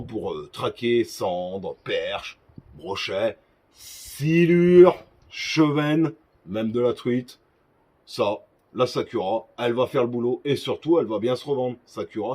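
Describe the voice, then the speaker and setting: A man's voice: medium pitch, a little mellow, husky. A young man talking casually in a gear-advice vlog, chatty and joking with crude asides. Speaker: fishing vlogger.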